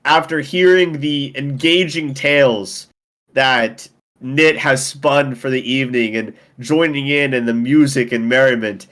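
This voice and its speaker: A man's voice: medium pitch, steady tone, a little slow, a bit bright. A man narrating as game master of a tabletop game, casual and peppered with fillers.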